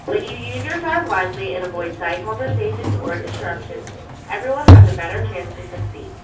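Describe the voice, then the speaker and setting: A woman's voice: mid-range voice, expressive, a little fast. Woman's voice over a school intercom. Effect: over a school intercom loudspeaker. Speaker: school announcer. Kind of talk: reading morning announcements. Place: classroom hearing the intercom. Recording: echoey loudspeaker heard from far off with background noise.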